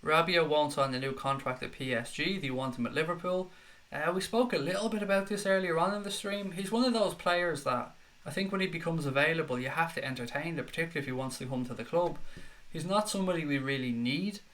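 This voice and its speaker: A man's voice: on the high side, fast, hardly any pauses, fairly bright tone. A man with a Dublin Irish accent hosts a casual live stream with a slight head cold, reading viewer messages aloud and answering them in a matey way. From Dublin, Ireland.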